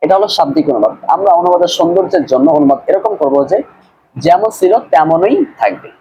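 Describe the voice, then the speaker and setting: A man's voice: on the high side, quick pace, dark tone, slight background noise, low-quality recording. A man teaching a recorded class, patiently translating a text word by word, repeating and correcting pronunciation. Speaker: madrasa grammar teacher. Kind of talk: screen-based recorded class, line-by-line translation.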